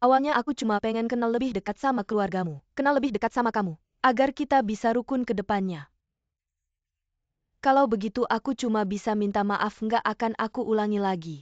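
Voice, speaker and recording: A defensive young woman, as a female dub actor voices her, explaining herself and apologizing in dubbed TV drama dialogue. Her voice is a touch high. The dry recording has a dull, lo-fi sound. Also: brisk, no room sound, close to an everyday voice. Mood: apologetic.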